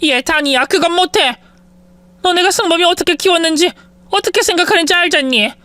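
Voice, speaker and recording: A woman's voice: extremely high pitch, a little fast, bright, forceful tone, no echo, pitched above the performer's own voice. A narrator voicing a frantic older mother-in-law who pleads and wheedles in a spoken-story drama. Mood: pleading.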